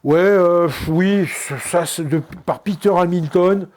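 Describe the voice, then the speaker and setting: A photographer presenting his photo books in a casual show-and-tell, hesitant, with many fillers and restarts, often trailing off softly. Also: high voice, fairly even intonation, takes it slowly, noisy background. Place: indoors at his book shelves.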